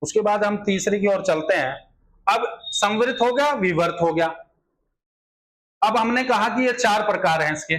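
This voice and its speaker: A man's voice: high-pitched, a bit bright, poor audio. A man teaching a Hindi grammar lesson for exam students, repeating filler phrases and asking rhetorical questions as he explains. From India.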